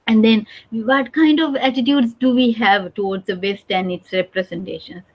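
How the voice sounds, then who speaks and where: A middle-aged woman from Sri Lanka, giving an academic conference talk in a halting, discursive way with many restarts. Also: fairly high pitch, fairly even intonation. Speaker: conference speaker. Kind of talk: academic lecture. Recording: dull lo-fi recording.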